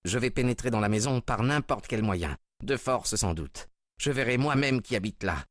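A man's voice: medium pitch, animated, normal speed, no echo, clean studio sound, voice pushed up, natural voice. A man voicing an agitated, determined husband in a read-aloud story, speaking urgently and insistently.

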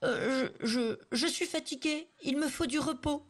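A woman's voice: sits high, unhurried, pitched above the performer's own voice. A woman voicing a just, kind king who poses as a peasant and then speaks firmly, in a storybook reading. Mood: feigned meek. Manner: hesitant when disguised, firm when revealed.

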